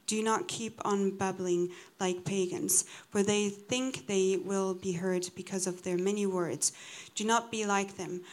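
A woman translating a preacher's sermon into English line by line, catching up after each phrase with small restarts. Her voice sits at a middle pitch and stays very level, with little rise and fall. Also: a little mellow. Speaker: interpreter.

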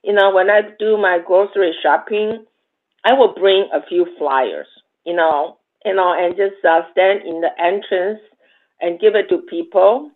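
Woman nonprofit founder, slow and hesitant, thin phone-like sound. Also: fairly low pitch. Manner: hesitant, many fillers, slow. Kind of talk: interview answer. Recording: tinny phone-like line.

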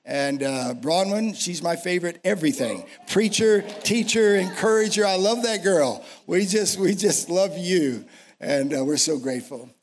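A man's voice: high-pitched, normal speed. A man in his sixties with an American accent preaching a sermon, emphatic and repeating phrases for effect. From United States. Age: 60s. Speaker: senior pastor, guest preacher. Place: speaking to a church congregation.

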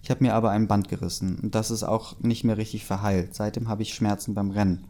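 A man's voice: on the low side, little pitch movement, a little fast, dark tone, natural voice. A man reading the lines of a grumpy, easily annoyed teenage girl in his own plain voice, sulky and sarcastic. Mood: resigned.

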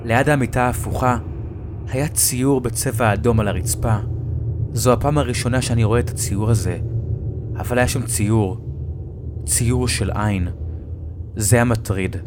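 A man telling a first-person horror story in a measured way, with dramatic pauses. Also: on the low side, background noise.

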